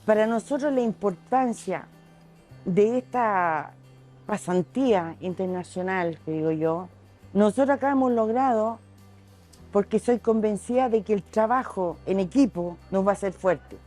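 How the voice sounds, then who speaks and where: A woman's voice: medium pitch, normal speed, dark tone, soft background music. A woman who leads a seaweed cooperative, speaking earnestly and emphatically in an interview. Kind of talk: documentary interview.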